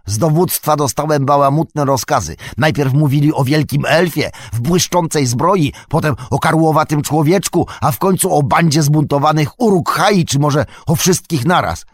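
A man's voice: on the high side, moderate pace, hardly any pauses, no room sound, clean studio sound, voice pushed up. A man voicing a sly, cowardly male orc tracker in an audiobook reading, sneering and muttering.

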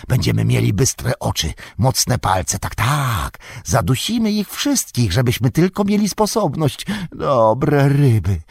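A man reading an audiobook, voicing a wretched, sly male creature in a high, hissing whisper, drawn out and muttering to himself. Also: very animated, slow pace, vocal fry, hardly any pauses, breathy edge, no room sound, exaggerated voice. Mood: greedy muttering. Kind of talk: audiobook character voice.

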